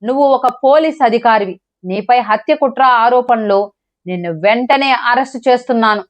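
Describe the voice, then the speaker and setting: Woman reading as a stern shouting police chief. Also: fairly high pitch, normal speed, close to an everyday voice. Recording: dull lo-fi recording.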